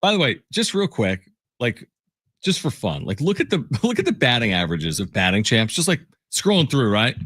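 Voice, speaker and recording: Sports radio host, man, animated and laughing, dry studio sound, mid-range voice. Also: mid-range voice, moderate pace, slightly rough, dry recording. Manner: chatty, laughs often, animated. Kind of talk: casual sports talk radio.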